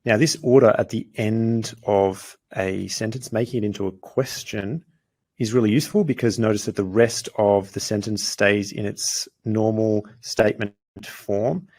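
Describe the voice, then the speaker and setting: With a lowish, steady, somewhat dark voice, a man teaches grammar as a language lesson. He explains example sentences patiently and slows to pronounce foreign phrases clearly.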